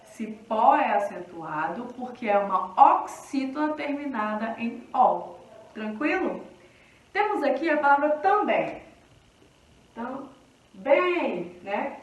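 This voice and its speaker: A woman's voice: a little high, far from the mic. A woman teacher with a Brazilian Portuguese accent explains a grammar lesson, checking in with the class often. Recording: very echoey room, voice off-mic.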